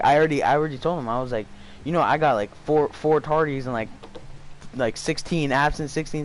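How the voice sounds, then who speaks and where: A young man telling a school story in a loose, rambling way, heavy on slang, swearing and fillers. His voice sits at an ordinary middle pitch, with a faint hiss of noise behind it. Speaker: student storyteller. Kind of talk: casual storytime vlog.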